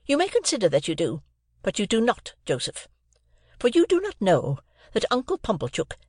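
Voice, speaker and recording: A reader gives voice to a sharp-tongued older sister in an audiobook, snappish and sarcastic, scolding through long reproachful tirades. It sounds like a natural voice at medium pitch, though raised above the performer's own, with clean studio sound and no room sound.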